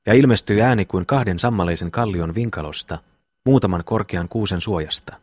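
Male audiobook reader, low voice, measured literary delivery, dry close sound. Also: a little mellow, no echo. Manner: measured, old-fashioned literary reading. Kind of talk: scripted audiobook narration.

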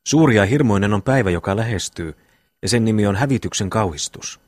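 A man's voice: on the low side, darkish tone, no echo, studio quality, close to an everyday voice. A man voicing a dazed young man who speaks solemnly and ominously after a fright. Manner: solemn, prophetic talk.

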